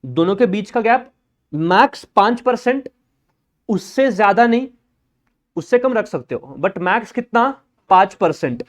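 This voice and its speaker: A man's voice: high voice, expressive, unhurried. A man giving a classroom lecture, talking bluntly and informally, teasing his students as he works through steps. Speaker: accounting lecturer.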